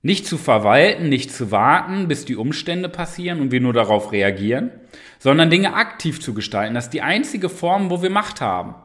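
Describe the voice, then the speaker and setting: A man's voice: on the high side, sing-song, normal speed, a bit bright. A man coaching the listener in a motivational monologue, emphatic and direct, often tagging on rhetorical questions. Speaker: self-help coach.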